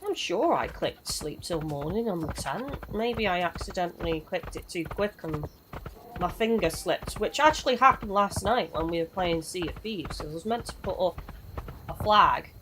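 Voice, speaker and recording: Playing a game on a live stream, a young woman greets her viewers and chats in a rambling way, her voice frayed from recently losing it. She has a lowish voice with lively intonation and normal speed, set against a noisy background.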